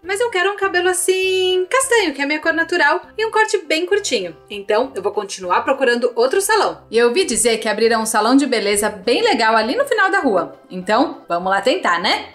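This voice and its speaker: A woman with a Brazilian accent hosting a children's pretend-play skit, talking to viewers in an expressive, exclamatory way. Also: high voice, fast talker, few pauses. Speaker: host of a children's channel, playing the customer. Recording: echoey room, faint music behind.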